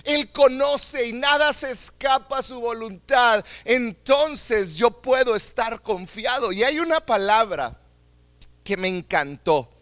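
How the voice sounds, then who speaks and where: Bright-voiced pastor preaching slowly. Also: male voice, very high-pitched, lively intonation, dry recording. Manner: earnest, emphatic, repeats phrases for stress. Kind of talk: sermon.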